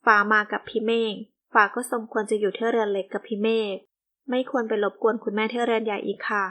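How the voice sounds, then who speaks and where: A woman's voice: medium pitch, level tone, brisk, fairly bright tone, natural voice. Sweet, tearful young woman, pleading and polite, voiced by the reader; storybook role.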